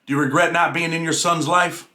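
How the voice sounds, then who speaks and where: A man's voice: fairly high pitch, steady tone, a little fast, bright, forceful tone. A man interviewing someone by phone, asking direct questions in an informal way. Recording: noisy recording with clicks.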